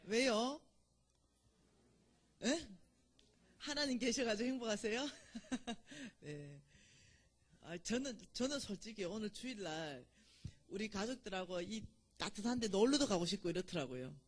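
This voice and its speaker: A woman's voice: medium pitch, expressive, a little slow, long pauses. A woman, giving a church lecture in a chatty, storytelling way and laughing at her own jokes. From Gyeongsang Province, South Korea. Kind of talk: church lecture with humorous anecdotes.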